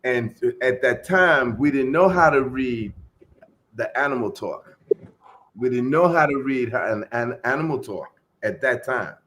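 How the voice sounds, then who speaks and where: Male storyteller in a casual podcast chat, mid-pitched, lively, acts out quotes. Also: unhurried, slight background noise. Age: 20s.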